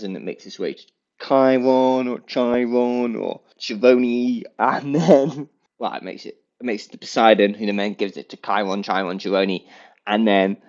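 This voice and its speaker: A man with a lowish voice rambles through his own podcast alone, goofing around and correcting himself, his nose blocked and sniffly. The high frequencies are cut off in the recording.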